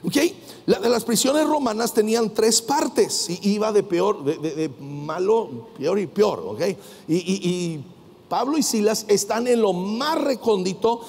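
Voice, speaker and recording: A man preaching a sermon, asking his listeners rhetorical questions and swinging from hushed asides to loud exhortation. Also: high-pitched, animated, a little slow, long reverb tail.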